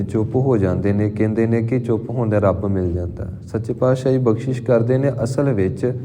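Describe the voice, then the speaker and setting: A man preaching a scripture exposition sermon. He speaks as a deliberate teacher, intoning verses slowly and stressing syllables. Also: mid-range voice, dark tone. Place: temple hall. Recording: long hall reverb.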